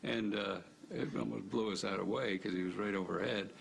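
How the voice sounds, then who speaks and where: A man's voice: fairly low pitch, steady tone, a little fast, vocal fry. An older man, an interviewee telling an anecdote casually and vividly. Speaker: documentary interviewee. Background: music.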